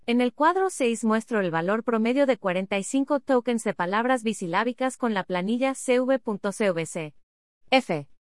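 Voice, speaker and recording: A woman reading an academic paper aloud in a steady, measured way, reading symbols and figure captions out literally. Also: fairly high pitch, dry recording, studio quality.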